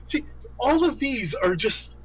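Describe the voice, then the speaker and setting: A man co-hosting a casual comedy podcast, an animated storyteller who laughs a lot. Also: very high voice, slow pace, low-quality recording. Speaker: podcast co-host.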